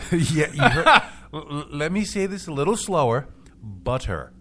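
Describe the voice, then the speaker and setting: A man's voice: on the high side, measured pace, a bit bright. Chatty male radio host with faint hiss. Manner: chatty, stumbling restarts, chuckles often. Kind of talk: casual radio chat.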